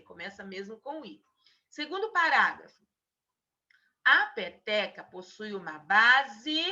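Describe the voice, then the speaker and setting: Woman teacher on a zoom class, kinda high bright voice, lo-fi call audio, stretches the words for the kids. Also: a little hiss or hum. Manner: patient, drawn-out dictation of single words. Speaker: primary school teacher. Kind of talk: remote spelling lesson for children. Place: home, on a video call. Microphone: video call mic. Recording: dull lo-fi video call audio.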